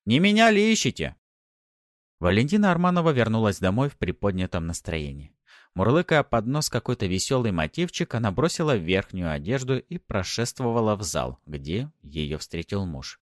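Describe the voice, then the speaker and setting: A man's voice: on the low side, sing-song, moderate pace, dry recording, clean studio sound. A man narrating an audiobook with wry first-person storytelling.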